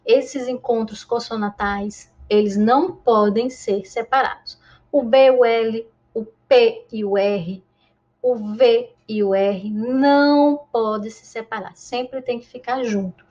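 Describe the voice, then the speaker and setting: A Brazilian woman teaching children, with a fairly high voice. She stretches words out syllable by syllable and talks back to imagined pupils. The recording sounds a little muffled and dull. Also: darkish tone. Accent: Brazilian Portuguese. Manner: slow, drawn-out syllable-by-syllable pronunciation; answers imagined pupil objections in a higher mock voice. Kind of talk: classroom lesson.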